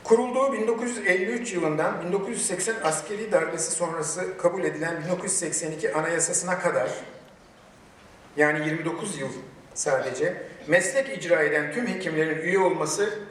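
A man speaking at a podium microphone in a large hall, giving a formal prepared speech with emphatic, measured delivery and rhetorical questions. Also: fairly high pitch, slight background noise. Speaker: medical chamber president giving a ceremony speech. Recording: very echoey hall, voice distant from the mic.

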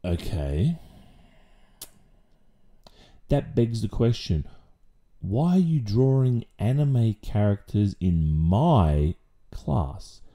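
In an ASMR roleplay, a man plays a dominant, exasperated Australian male teacher, stern and dry with sarcasm. His low, very mellow voice has a dark, sing-song tone, and he takes his time over each phrase with pointed pauses.

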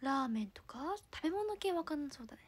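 A young woman from Fukuoka with a Hakata accent, chatting casually on a livestream, giggling and sometimes dropping to a soft murmur. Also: high-pitched, lively intonation, fast talker. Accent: Hakata dialect. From Fukuoka, Japan. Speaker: idol livestreamer.

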